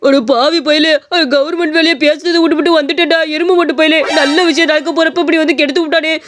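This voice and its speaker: A man performs cartoon voice work as a dramatic, lovesick young hothead, his delivery wailing and over the top. The pitch is extremely high with little movement, the pace quick and the tone fairly bright. Background hiss is audible.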